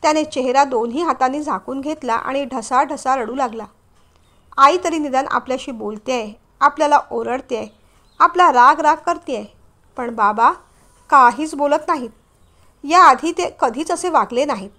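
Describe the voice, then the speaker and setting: Woman storyteller, expressive emotional reading, high-pitched. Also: moderate pace. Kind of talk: scripted story narration.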